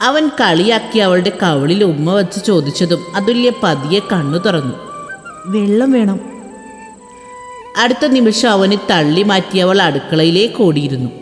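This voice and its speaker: A woman storyteller reading a romantic story aloud in a steady, even scripted narration. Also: fairly low pitch. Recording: echoey room with soft background music.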